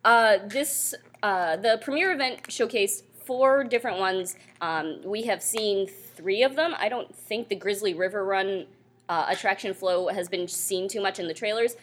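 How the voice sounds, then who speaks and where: Live at a convention panel, this young podcast co-host talks into a handheld mic in a mid-range voice, a little slowly. Her chat is casual and meandering, full of filler words and laughter.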